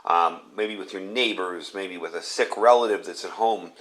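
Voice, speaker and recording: A man with a low, slightly bright voice hosts a laid-back, hands-on product review at a moderate pace. He's the channel's host and reviewer, speaking in a folksy, plain way and repeating points to drive them home.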